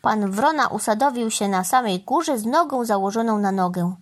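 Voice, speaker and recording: Animated woman reading a children's story. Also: a little high, normal speed.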